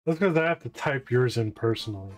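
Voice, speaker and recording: A man's voice: medium pitch, lively intonation, fast talker, faint music behind. A man streaming games live, chatting casually and playfully with his viewers and laughing often. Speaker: variety game streamer.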